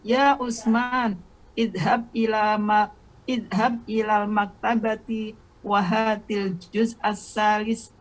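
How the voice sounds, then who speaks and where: A woman student reading an Arabic dialogue aloud slowly and carefully. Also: medium pitch, flat delivery, low-quality recording. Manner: slow, careful reading with restarts.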